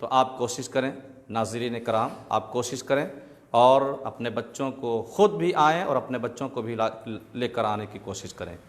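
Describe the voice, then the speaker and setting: In a classroom with students, a man teaches Quran reading, patiently drilling sounds with call-and-response. He speaks at normal speed in a mid-range voice. The room echoes and the background noise is loud.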